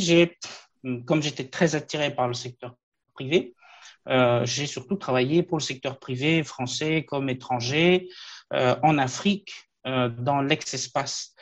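A man in his late thirties from Afghanistan, a guest in a conversational interview, talking haltingly with many fillers and restarts. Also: medium pitch, gravelly. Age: late 30s.

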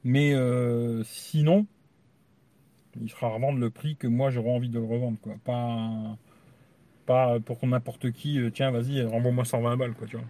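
Mellow and medium-pitched, his delivery is flat and at normal speed. The man hosts a YouTube tech channel and rambles crudely and casually on a live stream, saying "tu vois" constantly.

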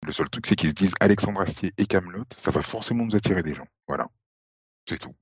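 A man's voice: low voice, animated, fast, slightly rough, dry recording. A man co-hosting a casual live stream, laid-back and blunt in his opinions. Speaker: podcast co-host. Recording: dull lo-fi mic.

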